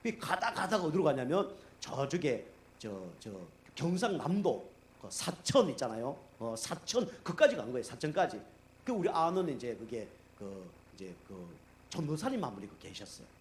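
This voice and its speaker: A middle-aged man preaching as a pastor in a church, telling stories in a casual, animated way and acting out the people he quotes. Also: a little high, normal speed. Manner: animated, acts out quoted speech, many fillers. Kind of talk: conversational sermon storytelling. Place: church sanctuary.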